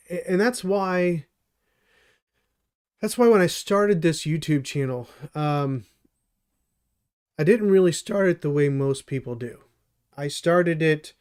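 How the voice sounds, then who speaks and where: A man's voice: on the high side, darkish tone, clean tone. A middle-aged man hosting a solo live stream as a developer mentor, talking earnestly with many restarts and fillers, his voice a little dry. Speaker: channel host and developer mentor.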